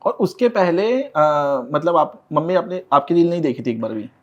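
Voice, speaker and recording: A man hosting a casual interview, asking quick questions and chiming in with agreement. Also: a little high, very animated. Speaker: podcast host. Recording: dull lo-fi sound.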